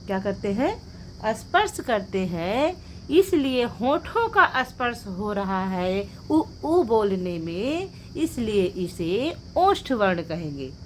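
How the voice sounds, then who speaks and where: A woman's voice: medium pitch, very animated, slow pace, a little hiss or hum. A woman teaching an exam-prep lecture, asking the class questions and then answering them herself. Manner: drills points with rhetorical questions and repeats the answers.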